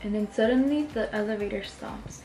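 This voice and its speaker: A woman's voice: mid-range voice, moderate pace, mellow, faint music behind. Casual young woman telling a story. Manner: casual, keeps checking in with "right?". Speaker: vlogger.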